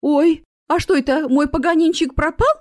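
A woman voicing a chatty, fussy older cat owner who talks excitably. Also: on the high side, moderate pace, no echo, studio quality.

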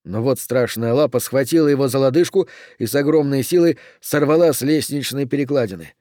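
A man narrating a thriller audiobook in a steady, measured reading. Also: mid-range voice, no echo, clean studio sound.

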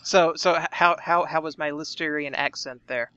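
A man's voice: a little high, steady tone, normal speed, sharp tone, clear, resonant tone, dry recording, lo-fi sound. A man co-hosting a podcast in a casual chat, often repeating words as he thinks. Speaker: podcast co-host.

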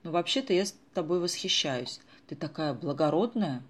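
A reader voicing an excitable teenage girl detective in a storybook, with frequent exclamations. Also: medium pitch, normal speed, natural voice. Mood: excited. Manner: eager, exclaiming.

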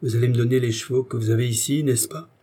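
A man's voice: mid-range voice, steady tone, fast, dark tone, breathy edge, lightly acted. A man voicing a flustered, fussy royal hairdresser who talks in a frantic, wailing rush, in an audiobook reading. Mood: insistent.

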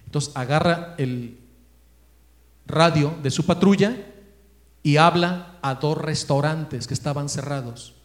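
A man with a Mexican accent giving a religious talk, telling a story in a lively way and acting out the people he quotes. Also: fairly high pitch, slow, long pauses, echoey room. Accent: Mexican Spanish.

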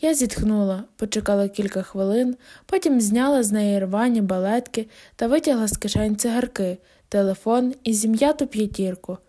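Mellow-voiced woman narrating an audiobook. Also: medium pitch, normal speed, hardly any pauses.

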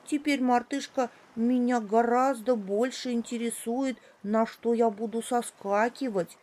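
A timid baby elephant boy drags his words out slowly and sighs as he talks, as a woman plays him in a storybook. His voice sits a little higher than the narrator's. He sounds shy and worried. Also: steady tone, darkish tone. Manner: slow, sighing, drawn-out.

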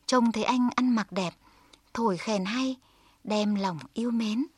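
A woman tells a folk tale in a calm, measured voice. She reads slowly, with a slightly high pitch. The recording is dry and close. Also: breathy edge, dry recording. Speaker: storyteller.

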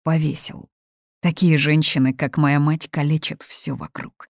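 A woman doing a quiet, tormented grown son. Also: low-pitched, steady tone, a little slow, gravelly, dry recording, clean studio sound, heavily acted. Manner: quiet, ironic.

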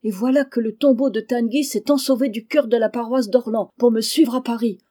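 A woman's voice: a little high, fairly even intonation, brisk, warm tone, pitched above the performer's own voice, lightly acted. A woman reader voicing a terrified, superstitious young peasant man who pleads and sobs in panic. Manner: panicky, tearful, breathless pleading.

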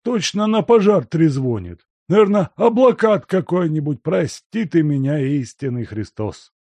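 A fretful old house servant. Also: male voice, expressive, normal speed, dark tone, husky, no room sound. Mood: alarmed. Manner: lamenting, fretful, high and agitated. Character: fussy grumbling old male house servant.

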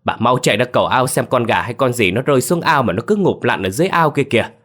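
A man's voice: medium pitch, lively intonation, fast talker, a bit bright, pitched above the performer's own voice. A man voicing a drunken, unhinged old grandfather who calls out urgently, in a spoken ghost story. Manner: urgent, calling out.

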